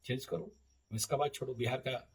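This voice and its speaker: A man, an astrologer, telling stories in a casual spoken monologue, animated and often laughing, swinging between loud and soft. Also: medium pitch, normal speed, slightly rough, low-quality recording. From eastern India.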